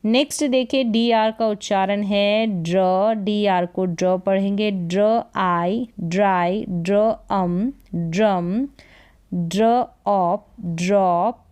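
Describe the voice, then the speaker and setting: A woman's voice: medium pitch, steady tone, takes it slowly, a little mellow, clean tone. A woman teaching English reading, sounding out words syllable by syllable and asking and answering her own questions. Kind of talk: slow phonics lesson.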